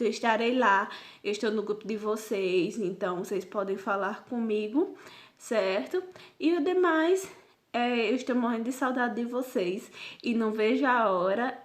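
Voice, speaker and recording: Woman teacher, kinda high voice, patient, drags out syllables, says certo? constantly. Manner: patient, repeats "certo?" often; spells out syllables slowly. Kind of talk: recorded remote grammar lesson.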